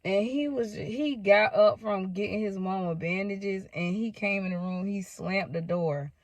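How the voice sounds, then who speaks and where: Woman vlogger, mid-pitched, telling her own story in blunt, profane, direct-to-viewer chat, dry recording. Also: measured pace, dry recording. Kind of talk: casual personal storytelling.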